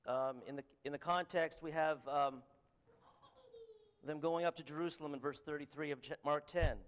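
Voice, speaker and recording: Reading scripture and delivering a sermon, this Canadian-accented man speaks in a fairly high, steady voice. His earnest delivery halts often, full of ums and restarts.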